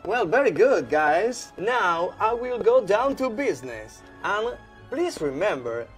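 An enigmatic male mystic, put on by a man, who leads a burial rite and speaks English. He talks very slowly and theatrically, and the pitch of his voice rises and falls widely. It is recorded outdoors in a cemetery with music underneath. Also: sing-song, exaggerated voice. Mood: solemn. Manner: slow, deliberate, theatrical English delivery.

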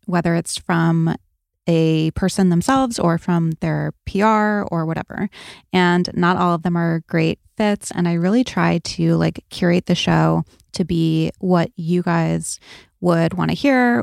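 Creaky, lowish-voiced woman podcast host. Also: a little mellow, no echo, clean studio sound. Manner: informal, peppered with "like". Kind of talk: conversational podcast introduction.

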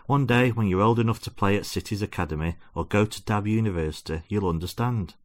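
A man's voice: on the low side, fast, lightly acted. A man reading a comic story and voicing a pompous, self-deluded father telling his son a preachy bedtime story.

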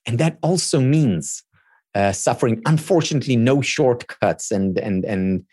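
An interview guest and expert whose first language is Hebrew explains things earnestly and thoughtfully, often repeating words as he thinks. His mid-range voice is expressive and dark in tone, at a moderate pace. The recording is studio quality with no echo.

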